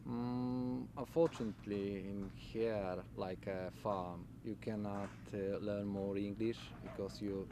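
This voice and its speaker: A man from Poland with a Polish accent, a seasonal farm worker speaking haltingly in an interview, searching for words. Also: on the low side, steady tone. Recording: noisy outdoor background.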